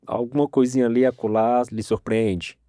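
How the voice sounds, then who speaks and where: A man's voice: medium pitch, steady tone, moderate pace, dark tone, no echo. A man from Ceará in Brazil with a Cearense accent, hosting an interview in a friendly, affirming way. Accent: Cearense Brazilian Portuguese. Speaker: host. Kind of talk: casual interview.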